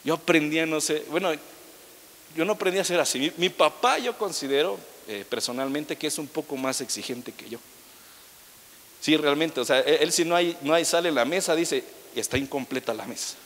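A man's voice: fairly high pitch, moderate pace, a bit bright, in a large hall. A young man preaching a sermon in a church, chatty and joking as he acts out the people he talks about. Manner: conversational preaching with humorous asides, acting out quoted people. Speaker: pastor. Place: church hall.

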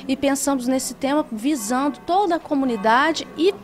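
A woman's voice: high voice, moderate pace, faint music behind. A woman in her thirties interviewed indoors at an event on a handheld mic, speaking hesitantly with many restarts. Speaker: event organizer. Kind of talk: on-camera interview. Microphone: handheld reporter mic.

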